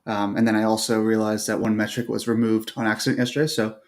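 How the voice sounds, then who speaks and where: A man co-hosting a casual livestream chat, walking through a product in a relaxed way with many fillers. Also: fairly low pitch, quick pace. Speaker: co-host.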